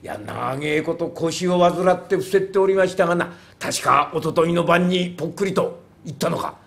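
A man's voice: fairly high pitch, moderate pace, vocal fry, a bit bright. A man voicing a simple rustic male temple servant who talks in a thick country dialect, in rakugo storytelling. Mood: earnest.

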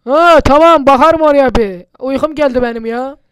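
A man's voice: extremely high pitch, moderate pace, a bit bright, dry recording. A man doing casual, chatty gameplay commentary for his channel, muttering to himself and swearing often. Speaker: gaming YouTuber.

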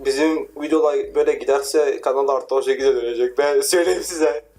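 A man's voice: medium pitch, fairly even intonation, fairly quick, a little mellow, a little hiss or hum. A young man hosting a gaming channel, joking and laughing as he chats with teammates during a match. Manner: laughs often, teasing and joking. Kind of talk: casual gaming banter.

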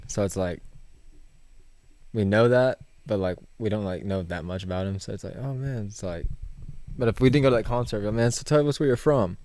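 A man's voice: lowish voice, fairly quick, darkish tone. A young man co-hosting a podcast in casual chat, laid-back and full of filler words, laughing often. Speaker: podcast co-host.

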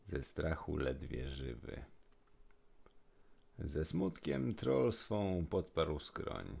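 A man with a very deep, gravelly voice narrating a rhymed poem in a rhythmic, sing-song way. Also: darkish tone.

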